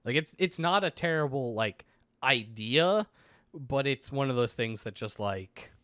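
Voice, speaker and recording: A man's voice: medium pitch, unhurried, no room sound. A man co-hosting a game podcast, speaking dryly and reading listener letters aloud. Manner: dry, deadpan, reads letters aloud. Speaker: podcast co-host. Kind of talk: casual chat.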